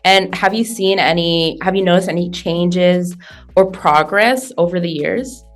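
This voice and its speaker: A woman interviewing a guest, asking measured questions broken up by pauses. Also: on the low side.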